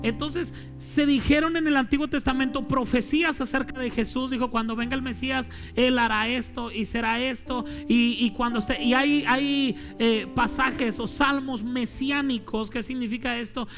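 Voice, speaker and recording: Animated preacher, high gravelly voice. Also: male voice, normal speed, hardly any pauses, faint music behind. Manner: animated, colloquial, humorous, dropping to hushed drama. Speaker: pastor. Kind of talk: sermon.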